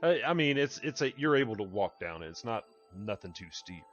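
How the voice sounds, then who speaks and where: A man with a fairly low voice runs a tabletop roleplaying game. He describes and rules in a casual, conversational way. The recording is a little muffled, with music playing behind. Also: expressive, fairly quick, fairly bright tone. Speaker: game master. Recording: muffled lo-fi audio with background music. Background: background music.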